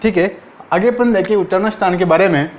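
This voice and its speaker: A man teaching an exam-prep Hindi grammar lesson, asking each point as a question and answering it himself, drawing out the sounds as he recites them. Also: high voice. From Rajasthan, India. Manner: drawn-out syllables while reciting sounds.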